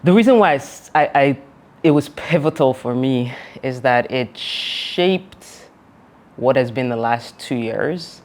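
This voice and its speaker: Her voice rumbles low and a little mellow as this Nigerian founder, an interview guest, unhurriedly tells animated, reflective stories. She comes across as earnest, often laughing and sprinkling in "like" and "you know."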